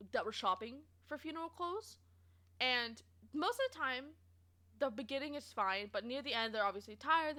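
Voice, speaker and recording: A young woman streamer casually telling a story about her old job, chatty and animated, laughing often and saying "like" a lot. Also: on the high side.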